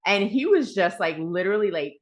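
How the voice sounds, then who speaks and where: Animated profane woman chatting books. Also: mid-range voice, a little fast. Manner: animated, frank and profane, many fillers. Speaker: podcast co-host. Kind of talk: casual book review chat.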